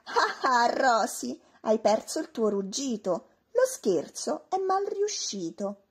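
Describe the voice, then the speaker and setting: A woman doing taunting little dinos in a storybook, singsong and high, slow chant. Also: big pitch swings, slightly rough, full character voice. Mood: mocking. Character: teasing band of young dinosaur friends.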